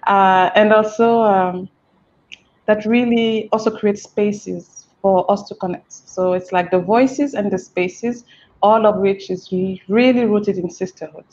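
A woman from Cameroon talks through a headset on a video call, her audio dull and slightly muffled. She is an interview guest who speaks in a warm, animated way, stopping and restarting her sentences and filling pauses with "um" and "uh.". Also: medium pitch. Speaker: interview guest, feminist strategist. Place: indoor room with a plain wall.

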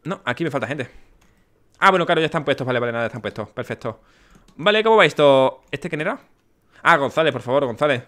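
A man's voice: fairly high pitch, expressive, fast talker, fairly bright tone. A man with a Spanish accent giving casual gameplay commentary, chatty and muttering to himself and to the game characters. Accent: Spain. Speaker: let's play host.

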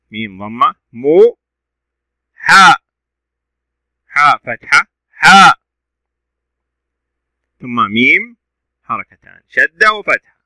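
A man's voice: on the high side, pushed and bright, no room sound, rough recording. Man sounding out syllables for children. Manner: sounds out syllables slowly, letter by letter; addresses pupils fondly, praising answers. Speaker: teacher. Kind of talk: reading lesson for young pupils.

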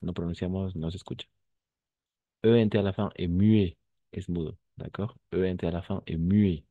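A man's voice: sits low, fairly even intonation, normal speed, no room sound, phone-quality sound. A male French teacher giving an online class, patiently repeating words and switching into Spanish to explain them.

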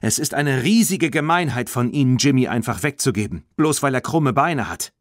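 A man's voice: mid-range voice, expressive, moderate pace, no room sound, studio quality, voice pushed up, lightly acted. Tina, a man doing a defiant girl. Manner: indignant, scolding. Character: defiant teenage girl, stubborn and indignant. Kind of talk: audiobook reading.

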